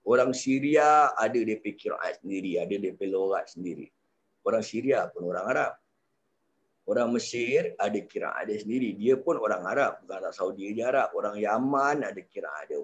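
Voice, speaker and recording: A man with a Singaporean Malay accent giving a Quranic studies lecture, lively and often asking the class rhetorical questions. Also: lowish voice. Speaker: religious teacher.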